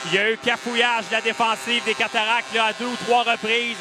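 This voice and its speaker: High-voiced Quebec man analysing hockey. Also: level tone, brisk, noisy background. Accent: Quebec French. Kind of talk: animated live sports analysis.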